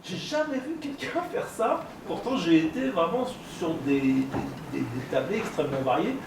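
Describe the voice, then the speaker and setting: A longtime game observer with a high-pitched voice and big pitch swings makes critical, analytical points in a discussion, articulate and academic in vocabulary yet halting in phrasing. He's in a convention room, recorded echoey from a distant mic with background noise.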